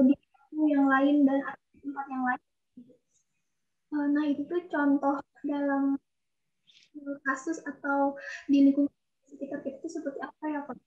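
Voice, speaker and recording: A young woman student asking a polite, hesitant question in an online class, her voice breaking up over a bad connection. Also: sits high. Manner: hesitant, polite, with many fillers. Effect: breaking up over a bad online call connection. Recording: dull, echoey online call audio.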